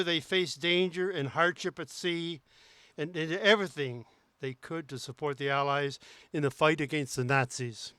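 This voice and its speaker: A man delivers a prepared dedication speech in an earnest, heartfelt tone. His voice is smooth and resonant, pitched a little high. The sound is close and dry. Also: a bit bright, no echo. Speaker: sculptor giving a dedication speech.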